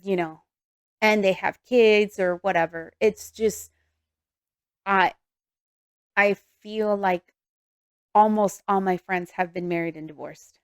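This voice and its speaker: A woman in her thirties co-hosting a casual chat, talkative and agreeable, quick to laugh. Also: mid-range voice, fairly even intonation, clear, resonant tone, no room sound, clean studio sound. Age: 30s. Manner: chatty, agreeing often, laughing easily. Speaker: podcast co-host.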